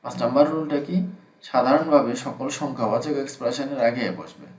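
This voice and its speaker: A man's voice: mid-range voice, fast talker. Patient male teacher in an echoey room. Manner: patient, repeats each rule step by step. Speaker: English teacher. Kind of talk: explaining grammar with examples.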